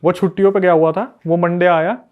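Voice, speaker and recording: A man's voice: high voice, fairly quick, phone-quality sound. A man telling a spooky story on a casual podcast, retelling it with energy and acting out what people said. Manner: animated retelling that acts out the quoted people. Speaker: guest storyteller.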